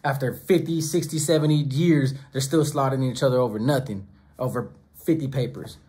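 Seated at his desk in a cramped home studio lined with monitors and speakers, a middle-aged channel host talks directly to a nearby camera. He has a medium-pitched, mellow voice with a slight roughness and speaks fairly quickly. His tone is forceful and sermon-like, with phrases frequently stacked in lists.

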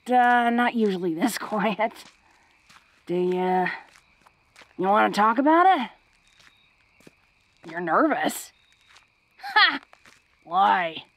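Speaking at a medium pitch, a woman plays a female orc who is tough and flirty yet secretly awkward. It's an intimate romantic audio roleplay, and she talks in a hesitant, folksy, teasing way.

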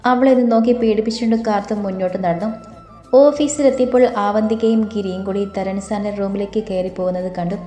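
A woman reads a romance story aloud in a steady, even voice. Her tone is warm and mellow, with a roomy echo and soft music playing faintly underneath. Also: mid-range voice, fast talker. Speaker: narrator. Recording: echoey room with faint music.

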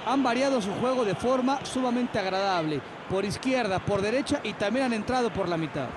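A male football commentator assesses play in a sports video game. His voice is very high, with clear stadium noise behind. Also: animated, a little fast. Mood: assessing.

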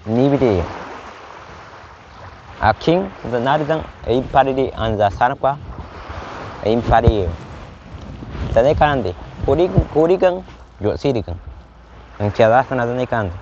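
A man's voice: mid-range voice, animated, unhurried, pauses often. Young man chanting by the sea. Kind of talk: chanted prayer in a native language. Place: outdoors on a beach by the sea. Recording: dull outdoor recording with faint sea noise.

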